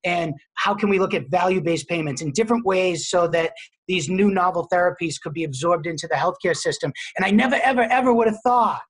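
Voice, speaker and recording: A man's voice: high voice, brisk, husky. A middle-aged man hosting a town hall over a video call from his office, talking in a conversational, emphatic way. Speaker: host, industry association head. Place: office, indoors. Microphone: video call webcam.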